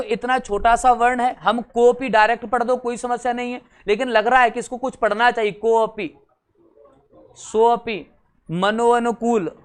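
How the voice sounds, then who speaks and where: A man's voice: very high-pitched, clear, resonant tone. A young adult man teaching a grammar lesson for exam prep, chatty and teasing, often quizzing his students.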